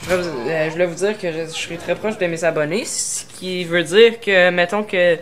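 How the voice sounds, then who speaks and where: A man from Quebec with a Québécois French accent speaks in a high, brisk, slightly bright voice, with a little hiss or hum in the audio. A gaming YouTuber, he hesitantly introduces his channel over gameplay, full of filler sounds yet trying to articulate carefully.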